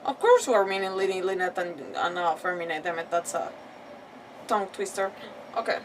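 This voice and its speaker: Her voice sits lowish and sounds animated at a normal speed as she offers loose, wandering commentary on a live game stream, talking back to and quarreling with the characters. Faint background noise comes through a somewhat distant microphone.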